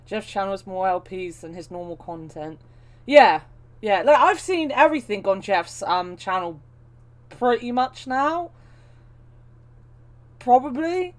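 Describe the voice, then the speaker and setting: A woman's voice: mid-range voice, very animated, unhurried, long pauses. A woman chatting casually while streaming a video game.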